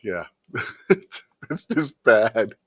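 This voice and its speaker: A man hosting a show with casual film commentary in an animated, sweary, mocking manner. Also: lowish voice, extremely slow, husky, dry recording, clean studio sound. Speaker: show host.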